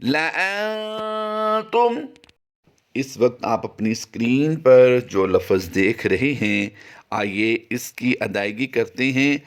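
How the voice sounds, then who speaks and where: A man teaching Quran reading in a recorded tajweed lesson, explaining patiently and chanting each sample word long and high. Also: slow pace.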